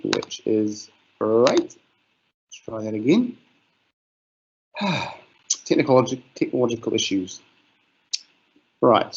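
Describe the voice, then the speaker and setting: A middle-aged man from New Zealand runs a teaching webinar over a video call, speaking at a medium pitch. His delivery is relaxed and unhurried, packed with fillers, and the call audio sounds somewhat muffled.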